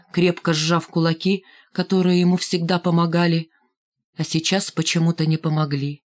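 Woman reading an audiobook, low-ish voice. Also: a little mellow. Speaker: audiobook reader. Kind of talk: scripted narration.

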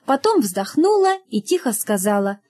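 A woman narrating a children's story chapter in a lively, expressive reading. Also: mid-range voice, moderate pace.

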